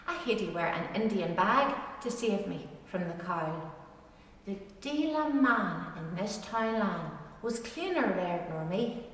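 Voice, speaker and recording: A woman's voice: mid-range voice, fairly bright tone. A woman reciting dialect verse as a rueful, ageing bachelor farmer, with an Ulster Scots accent and a lilting, rhyming storyteller delivery. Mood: rueful, wry. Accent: Ulster Scots, Northern Irish. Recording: very echoey hall, distant microphone.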